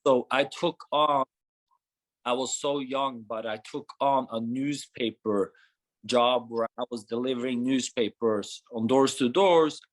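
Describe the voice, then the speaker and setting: A man's voice: medium pitch, a little slow, low-quality recording. A man in his thirties from Norway, a gym founder answering interview questions earnestly with frequent restarts. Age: 30s.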